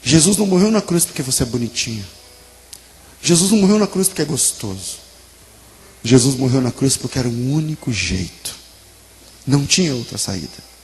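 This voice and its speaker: A man preaching a sermon and telling a story with emotion, moving between hushed lines and emphatic ones. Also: mid-range voice, lively intonation, brisk, pauses often. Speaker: pastor.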